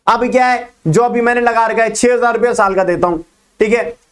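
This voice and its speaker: A man teaching a business studies class in a brisk, energetic lecture style, mixing with terms and firing quick questions at his students. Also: very high voice, clean tone. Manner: fast-talking, quizzes students with quick questions.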